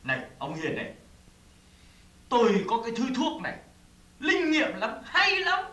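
A man's voice: extremely high pitch, huge pitch swings, measured pace, pushed and bright, reverberant, far from the mic. A man acting in a stage comedy sketch, boastful and coaxing as he pushes his friend to be brave.

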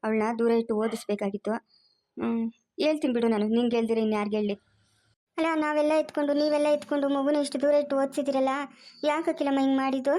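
A woman with a rural Karnataka Kannada accent, speaking in acted family drama dialogue with quick, scolding and coaxing colloquial talk. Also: high-pitched, fairly even intonation, mellow.

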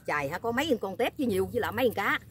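A woman's voice: medium pitch, sing-song, rapid-fire, a crowd in the background. A woman, telling rambling stories to her viewers in a chatty vlog, often asking them "you know what?". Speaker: vlogger. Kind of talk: casual storytelling to viewers.

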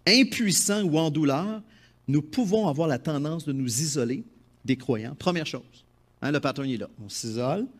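Animated Quebec French pastor preaching. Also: male voice, fairly high pitch. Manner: animated, swings from loud emphasis to quiet asides. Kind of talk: sermon.

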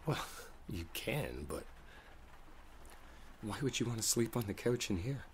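With rain falling steadily in the background, a roleplay performer voices a tender musician boyfriend who reassures his partner and gently coaxes them to sleep. He talks softly and slowly in a soothing ASMR style, his voice on the low side.

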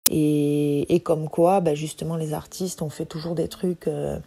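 A French woman in her forties, a singer-songwriter, drifts through hesitant, rambling commentary on her music clips as the music plays under her. Her low voice is gravelly and mellow with a breathy edge, a little slow and fairly flat in pitch.

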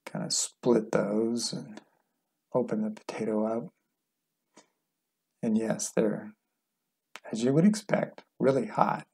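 A middle-aged man with a gravelly, slightly husky voice talks through a recipe step by step. His delivery is relaxed and unhurried, plain-spoken, as he cooks in a home kitchen. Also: lowish voice. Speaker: cooking instructor. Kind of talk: calm step-by-step cooking demonstration.

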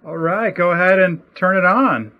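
A boat owner in his thirties works in a cramped sailboat cabin, explaining a repair step by step in a hands-on how-to captured by a nearby action camera. His voice is high at a normal pace, sounding distant and dull.

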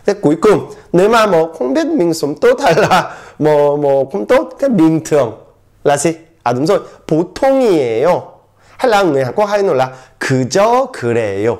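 A man's voice: on the high side, very animated, a little fast, darkish tone. A man with a Korean accent teaching a casual online language lesson, repeating phrases for learners to copy and using lots of fillers.

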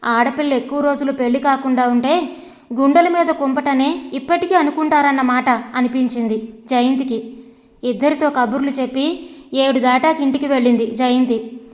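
A woman storyteller reads a novel aloud at an even, measured pace. Her voice is high. A long hall reverb trails behind her words.

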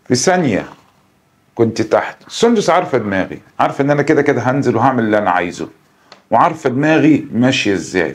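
A man with an Egyptian accent telling a story in a casual spoken way, often stopping to check that his listener is following. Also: mid-range voice.

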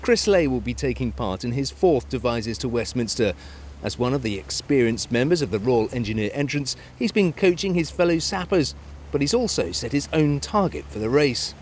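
A male news reporter narrates a scripted story in a measured, even voice. His pitch sits in the middle of the range. Faint background noise runs under the voice-over.

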